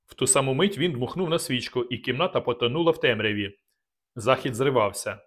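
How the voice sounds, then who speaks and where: A man's voice: medium pitch, a little fast, fairly bright tone. Man reading a dramatic audiobook. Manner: dramatic first-person reading. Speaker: audiobook narrator. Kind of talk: scripted narration.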